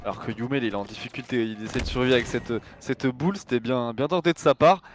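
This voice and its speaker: A man's voice: medium pitch, fast talker. A man commentating a match live as an esports caster, informal and conversational, often repeating phrases. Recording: faint gunfire and game noise behind.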